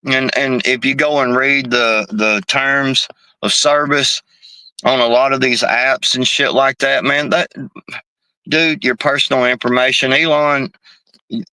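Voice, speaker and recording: A man hosts a casual live stream and answers the chat in a loose, profane way, dropping "man" and "bro" constantly. His voice is bright and forward, at an average pitch. The recording is dry, with no room echo. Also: steady tone, unhurried, clear, resonant tone. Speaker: livestream host reading chat.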